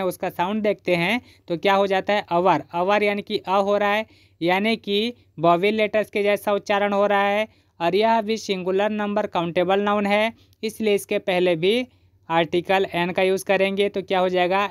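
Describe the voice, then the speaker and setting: Teacher, grammar lesson, step-by-step, rhetorical questions, smooth voice, mid pitch. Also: dry recording, studio quality. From Chhattisgarh. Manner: asks rhetorical questions and answers them; repetitive, step-by-step explaining.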